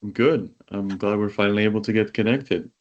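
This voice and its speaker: A man with a very low voice speaks as an interview guest over a video call. He grew up in Israel and answers in a measured way, ticking off items one after another. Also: dull audio. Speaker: company CEO guest.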